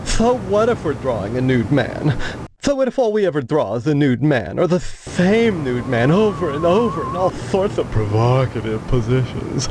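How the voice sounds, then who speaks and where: Game role: flamboyant fireman, arch and pompous, extremely animated intonation, noisy dated audio. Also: a little high, moderate pace. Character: flamboyant prissy fireman who loves sketching nude men. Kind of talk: theatrical video game character acting.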